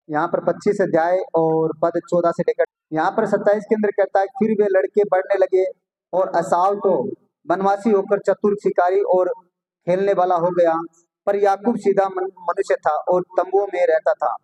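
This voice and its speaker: A man's voice: sits high, a little mellow, low-quality recording. A male preacher delivering a sermon, reading scripture aloud and explaining it with frequent rhetorical questions.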